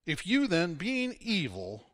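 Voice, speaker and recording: A man's voice: high voice, huge pitch swings, slow, a bit bright, no room sound, clean studio sound. A man from Missouri preaching a sermon, telling a Bible story and acting out its dialogue. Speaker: pastor.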